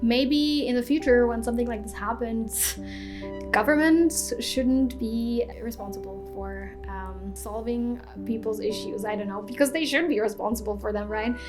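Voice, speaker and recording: A woman's voice: on the high side, moderate pace. A young woman from Slovakia ranting frankly in a casual video, with many fillers and restarts. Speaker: vlogger. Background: music.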